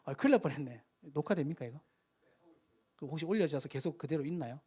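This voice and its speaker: Man preaching, lively pitch. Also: fast talker. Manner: chatty, self-correcting, laughs at his own slips. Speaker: preacher at a worship meeting. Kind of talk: conversational sermon. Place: live worship meeting.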